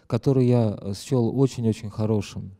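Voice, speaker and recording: A man's voice: on the low side, normal speed, mellow. A man interpreting a lecture live, hesitant, with many fillers and self-corrections.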